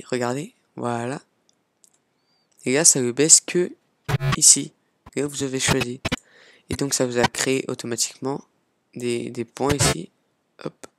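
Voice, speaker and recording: A man casually hosting a software tutorial, chatting along as he clicks and filling pauses with little "hop" and "voilà" sounds. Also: medium pitch, gravelly, no room sound. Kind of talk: casual screen-recorded tutorial.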